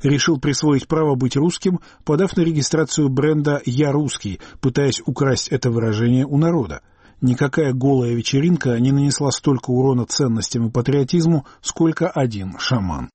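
Male reader, dark and husky voice, dry close sound, scornful list. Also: medium pitch, normal speed, dry recording. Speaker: reader of a channel post. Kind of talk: read-out commentary.

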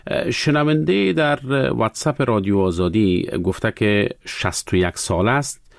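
A man with an Afghan Dari accent hosting a radio call-in show, relaying listener questions in a measured way. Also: fairly low pitch, expressive, gravelly, no room sound, studio quality.

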